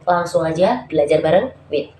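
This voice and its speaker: A woman hosts a casual YouTube tutorial vlog with writing tips, sounding nasal and stuffed up from a cold as she chats with lots of fillers and calls viewers "guys." Her low, expressive voice moves at a normal speed. The recording has a roomy echo and faint background noise.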